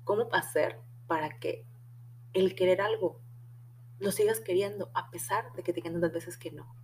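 A woman's voice: on the low side, moderate pace, slight background noise. A young woman with a Mexican accent, telling a personal story on her podcast in a chatty, slangy way with the odd curse word. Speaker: podcast host. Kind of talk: casual storytelling monologue.

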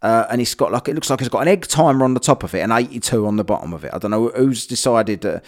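A man's voice: mid-range voice, expressive, fast talker. A man hosting a solo podcast, ranting bluntly about the news with frequent swearing. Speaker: podcast host. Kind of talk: casual solo commentary.

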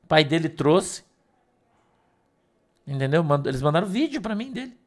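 A middle-aged man preaching a sermon, emphatic, swinging between loud stresses and soft asides. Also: a little high, big pitch swings, normal speed. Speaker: pastor.

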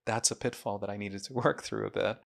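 A man's voice: fairly low pitch, fairly even intonation, a little fast, vocal fry. A man, a guest speaking in an earnest, introspective way, with small restarts. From Saudi Arabia. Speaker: guest, mind researcher and coach. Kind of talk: reflective interview talk.

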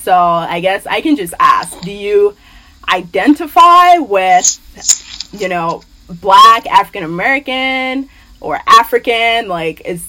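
A woman's voice: mid-range voice, lively intonation, takes it slowly, sharp tone, low-quality recording. A young woman from Nigeria hosting a casual podcast chat, upbeat and laughing often, with many fillers. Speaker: podcast host.

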